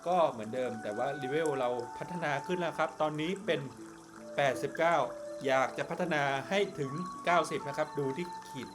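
A man chatting casually to viewers as he plays through a game, his volume swinging between loud and soft. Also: fairly high pitch, fairly quick. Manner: chatty, talks to viewers while playing. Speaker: game streamer. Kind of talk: casual gameplay commentary. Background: game music.

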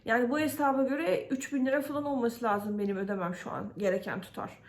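A woman from Turkey tells her story to the camera in a casual vlog, her voice sitting a little high. She vents her frustration, stopping often on fillers and acting out what others said to her. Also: steady tone, fast. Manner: venting frustration, many fillers, quotes others. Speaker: vlogger.

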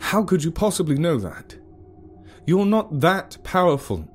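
A man's voice: a little high, very animated, slow pace, mellow, faint music behind, voice pushed up, heavily acted. A man playing a pleading, agitated priest. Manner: pleading, raised and strained.

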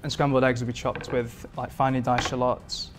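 A male performance chef from England, in his thirties, gives interview answers in a modern home kitchen, wearing a lapel mic with light music underneath. His mid-range voice runs a little fast, and his delivery is easygoing and level, relaxed and rambling with many fillers.

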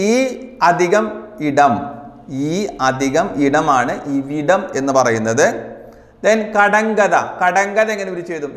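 A high-voiced man teaching an exam prep grammar lesson. He repeats each answer slowly and talks to his students as children. The room echoes, with a long reverb tail.

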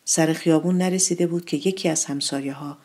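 A woman reading her own short story aloud in a calm, measured way. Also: low voice. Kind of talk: literary narration.

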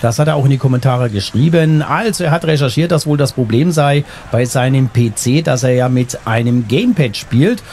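A man hosts a gaming video in a casual way. He thinks aloud in a mid-pitched voice, with faint game ambience behind him. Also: a little fast, hardly any pauses, darkish tone, a little hiss or hum. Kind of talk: casual let's play commentary.

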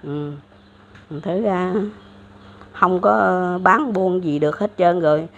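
Taking her time, an older woman with a Southern Vietnamese accent casually narrates a religious legend in a fairly low voice. Her telling meanders with many fillers and restarts, and the dull lo-fi audio carries a little hiss or hum.

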